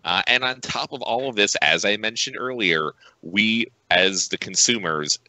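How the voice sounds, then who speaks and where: A man co-hosting an esports talk show in casual panel chat, often talking with deadpan sarcasm. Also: fairly low pitch, moderate pace, no room sound, poor audio.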